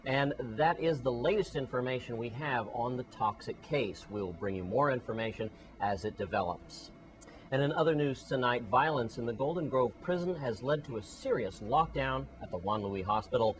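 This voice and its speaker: A man's voice: medium pitch, moderate pace. A man anchoring a local TV newscast, reading story intros formally. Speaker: news anchor.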